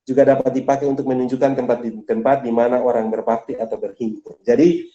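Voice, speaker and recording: A man giving a Bible study lesson, explaining word by word, often adding a questioning "ya" and stressing key words with a sharp rise in pitch. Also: little pitch movement, fast, roomy sound, lo-fi sound. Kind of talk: church teaching session.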